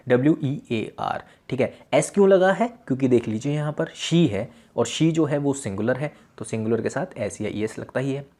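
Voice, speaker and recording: A male teacher explains grammar in an animated way, his pitch rising and falling a lot. His voice is warm and mellow. He poses questions to the class and then answers them himself, and he says each example slowly twice. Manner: reads example sentences slowly and repeats them. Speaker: English teacher.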